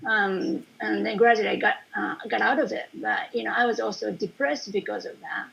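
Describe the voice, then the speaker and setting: A woman from Japan talks through her painting life in a relaxed, chatty way, scattering fillers and small laughs. Her voice is husky with a gravelly edge, and the video-call audio sounds a little dull. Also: mid-range voice, a little fast. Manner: warm, chatty, frequent fillers and soft laughs. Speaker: watercolour painter presenting her work. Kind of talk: casual online presentation.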